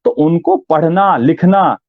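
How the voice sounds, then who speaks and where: Man explaining voice training, high voice. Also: slow pace, dry recording. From Uttarakhand, India. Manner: instructive, demonstrates sounds aloud. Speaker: voice artist and theatre artist. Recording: tinny phone-like line, dry.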